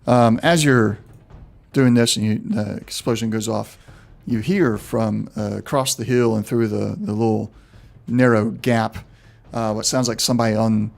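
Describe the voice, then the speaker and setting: Gravelly-voiced man running the game. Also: fairly low pitch, fairly even intonation, measured pace. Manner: thinks aloud with frequent ums while checking rules. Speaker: game master. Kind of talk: running a tabletop game over voice chat.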